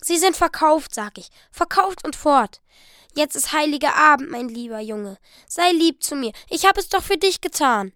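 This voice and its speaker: A woman reading the part of a young wife who pleads eagerly with her husband, her voice raised higher and louder. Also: normal speed, dry recording, clean studio sound. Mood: pleading. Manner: breathless, pleading and excited.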